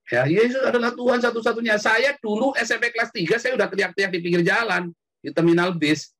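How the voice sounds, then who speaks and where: Animated husky man preaching online. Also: quick pace. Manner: animated, jumps high when quoting or shouting. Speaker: preacher hosting an online call-in. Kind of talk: casual preaching. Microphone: computer mic on an online call.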